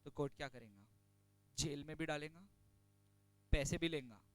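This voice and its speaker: A man teaching a class, chatty and joking, slowing right down to dictate notes. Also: fairly high pitch. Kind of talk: classroom lecture on company law.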